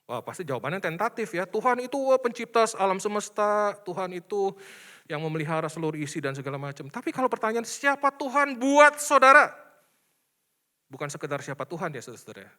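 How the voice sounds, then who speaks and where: A man preaching a sermon in a church, animated, swinging between soft asides and loud emphasis while addressing the congregation. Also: sits high, fast talker. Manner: addresses congregation repeatedly as brothers and sisters. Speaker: pastor.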